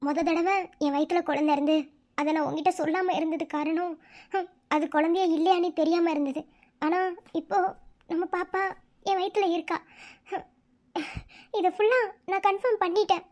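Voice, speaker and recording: Cartoon wife, madurai accent, real high, teasing. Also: female voice, fairly even intonation, moderate pace, long pauses, darkish tone. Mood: tender. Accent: Madurai Tamil. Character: young pregnant wife, spirited and teasing.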